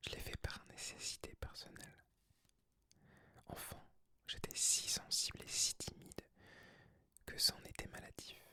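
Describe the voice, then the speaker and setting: Bright, hushed ASMR library whisper, sex unclear. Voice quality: breathy unvoiced whisper. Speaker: ASMR creator reading aloud. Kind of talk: whispered ASMR book reading.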